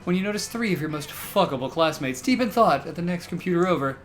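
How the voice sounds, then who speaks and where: A man's voice: high voice, lively intonation, fast, faint music behind. A man hosting and narrating a comedic game, moving between scripted narration and casual asides.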